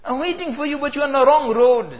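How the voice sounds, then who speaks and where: A man's voice: very high-pitched, fast talker, voice pushed up. A male preacher voicing a devout young daughter who earnestly pleads with her father. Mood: pleading. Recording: echoey hall, dull sound.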